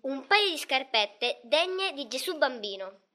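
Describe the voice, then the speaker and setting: A woman voicing a poor, warm-hearted shoemaker's wife in a storybook reading, in a lively, playful way. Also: sits high, unhurried, exaggerated voice.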